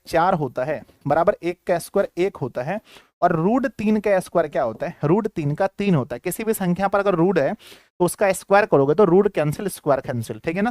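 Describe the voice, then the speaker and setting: A man teaching maths to school pupils in a lively, playful way, firing questions at the class and acting out their replies. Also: high voice, no room sound, clean studio sound. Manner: playful, acts out students' replies in a sing-song voice. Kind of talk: energetic classroom lesson.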